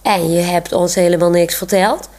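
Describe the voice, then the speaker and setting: A woman's voice: fairly low pitch, fairly even intonation, moderate pace, darkish tone, natural voice. A woman reading aloud voices a sensible, thoughtful adult caretaker. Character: kindly adult female caretaker.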